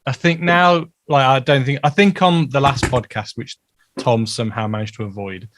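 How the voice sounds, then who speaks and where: A man's voice: medium pitch, normal speed, fairly bright tone. A young man co-hosting a podcast, rambling casually between laughs. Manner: chatty, rambling, laughs often. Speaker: podcast co-host. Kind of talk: casual chat.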